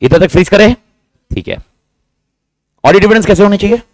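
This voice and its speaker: A man teaching a class, talking fast and repeating himself, joking with his students. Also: high-pitched, dry recording. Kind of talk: lively classroom lecture.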